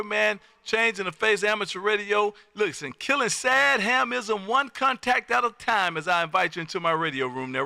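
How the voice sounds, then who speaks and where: Hosting his live ham radio stream, a Texan amateur radio operator chats on air in a folksy, exuberant way and keeps repeating himself. The voice is high-pitched, creaky, pushed and bright, captured dry in studio quality.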